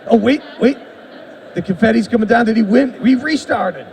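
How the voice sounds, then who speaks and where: A man's voice: very high-pitched, moderate pace, creaky. A man playfully commentating on someone playing his game, joking like a wrestling announcer. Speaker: game developer commentating a live demo. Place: busy expo show floor. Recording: noisy expo floor, mic far off.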